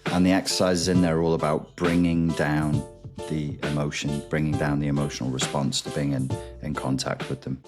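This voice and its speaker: A man guesting on a podcast as a recovery expert, explaining ideas step by step in a measured way. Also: extremely low pitch, level tone, over music. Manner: measured, explains step by step, frequent ums and restarts. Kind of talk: explanatory interview talk.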